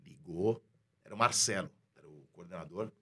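A man with a Brazilian accent, a radio announcer telling a story in a casual interview, slangy and lively, acting out the dialogue he recounts. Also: low voice, moderate pace, husky. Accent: Brazilian Portuguese.

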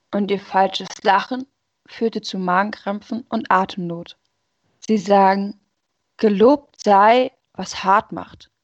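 A woman reading aloud as a sorrowful, rejected female personification of Sadness, in a slow and earnest way. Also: medium pitch, dry recording, lo-fi sound, lightly acted. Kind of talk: story reading.

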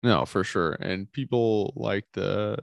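A man, co-hosting a casual chat in a relaxed, rambling way, with "like" fillers and some mild swearing. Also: lowish voice, slow pace, gravelly, no echo, studio quality. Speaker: podcast co-host.

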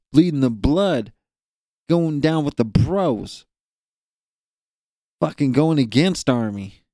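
A man's voice: a little high, warm tone, dry recording. Profane rambling young man, dry sound. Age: young adult. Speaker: podcast co-host. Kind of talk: casual rant.

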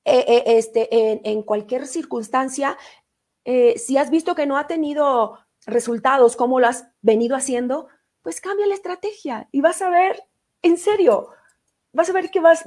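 High-voiced chatty Mexican woman host. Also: darkish tone. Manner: chatty and playful, many fillers, reads out viewer comments. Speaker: host of a live online show. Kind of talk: casual live-stream chat.

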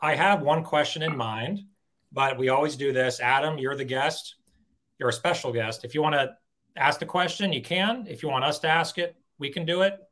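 A man's voice: on the high side, moderate pace, a bit bright. A man co-hosting a live talk show, enthusiastic and casual, explaining a giveaway segment and swearing freely. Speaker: co-host.

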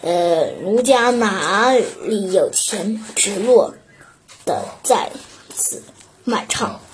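A woman reading the lines of a young female street singer telling her troubles, halting and hesitant, in a storybook reading. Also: medium pitch, a little hiss or hum. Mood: pleading.

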